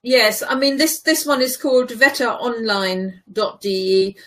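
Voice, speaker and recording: A woman from Germany, a native German speaker, tutors in a casual chat, sounding patient and explanatory and laughing easily. Her voice is a little high and fairly bright, with a measured pace.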